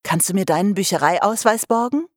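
A woman's voice: medium pitch, lively intonation, brisk, no echo, studio quality, lightly acted. A woman voicing a bookish young girl who pleads earnestly in an audiobook. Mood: pleading. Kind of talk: audiobook character voice.

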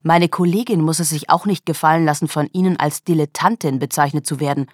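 A woman's voice: sits low, a little fast, darkish tone, no echo, clean studio sound. A woman reading an audiobook, voicing a blunt, loyal male forensics officer who speaks in a mocking, outspoken way.

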